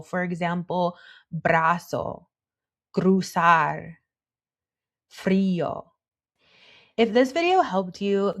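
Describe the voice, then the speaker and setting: A young adult woman teaching Spanish pronunciation, patient and encouraging, modelling each sound slowly. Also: lowish voice. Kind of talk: slow, calm pronunciation tutorial.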